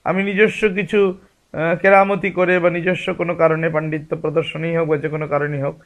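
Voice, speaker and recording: A man's voice: fairly high pitch, level tone, quick pace, a bit bright. A man giving a spiritual discourse as a religious teacher, explaining patiently and asking rhetorical questions.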